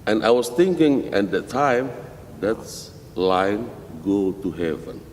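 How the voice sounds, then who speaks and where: Animated yet halting, a middle-aged Indonesian-accented missionary pastor works through interview questions in English with many restarts. A faint rumble runs under the roomy hall acoustics.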